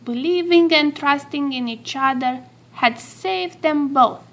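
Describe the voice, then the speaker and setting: A woman with a high, fairly bright voice reads a children's storybook aloud at a very slow pace. She lingers over each phrase and tells the story expressively.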